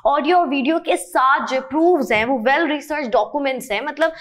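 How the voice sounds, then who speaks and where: Woman, talk show host, high pitch, earnest. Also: a little slow.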